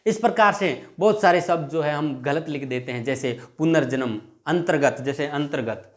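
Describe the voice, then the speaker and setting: Higher-pitched man teaching a grammar lesson. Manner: explains patiently, repeats words slowly, asks students questions; dictates rules word by word. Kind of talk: exam-prep lesson.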